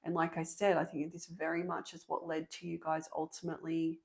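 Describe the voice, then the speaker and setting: Woman tarot reader, slightly low-pitched, earnest and excitable, lots of ums and restarts. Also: fairly quick, vocal fry. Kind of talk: tarot reading for an online audience.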